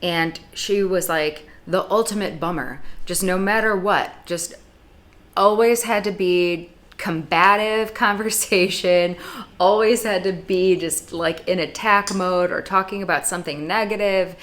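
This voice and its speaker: Blunt, sarcastic woman with a low voice. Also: a little slow, a bit bright. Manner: blunt and sarcastic, with dramatic quoted asides. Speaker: YouTube vlogger. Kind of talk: casual opinionated monologue.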